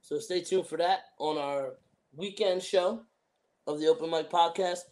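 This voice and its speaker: A man's voice: fairly high pitch, a little slow, darkish tone. A young man hosting a sports podcast, giving opinions in emphatic, casual frat-bro slang.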